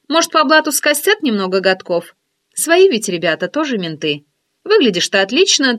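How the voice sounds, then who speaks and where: A woman reading as a brash, teasing girlfriend. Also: a little high. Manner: bossy, joking, lively scolding. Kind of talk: audiobook character voice.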